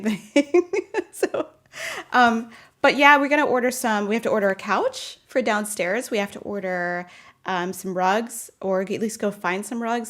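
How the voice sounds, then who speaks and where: A woman's voice: mid-range voice, fairly bright tone. Chatty woman rambling with frequent laughs. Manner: chatty and rambling, laughs often, answers viewers' comments. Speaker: streamer chatting with viewers. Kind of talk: casual live chat. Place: home office.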